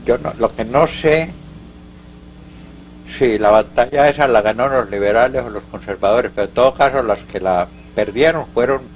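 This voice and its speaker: Speaking Colombian Paisa Spanish at medium pitch, an older man tells local stories during an oral history interview. He meanders, hesitates, and begins again, adding asides along the way. The audio is dull, with slight background noise.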